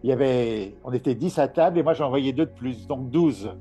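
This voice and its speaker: A middle-aged Parisian medium and author, guesting on a casual interview, tells stories from his life, laughing often and restarting sentences as a chatty storyteller. His voice is mid-range, brisk, and dark, with faint music behind it.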